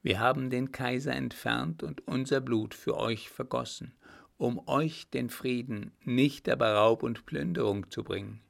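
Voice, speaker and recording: A confident young officer stands his ground, his voice firm and a little raised, as a male narrator puts him on. There is a gravelly rasp under the words. His speech has an assured, commanding ring to it. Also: medium pitch, measured pace. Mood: rousing. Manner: firm, confident, somewhat louder delivery. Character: bold young German officer, calm and commanding.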